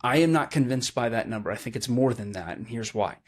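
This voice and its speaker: A man hosts a local news podcast, speaking briskly and expressively at a medium pitch. He chats casually and works through numbers out loud.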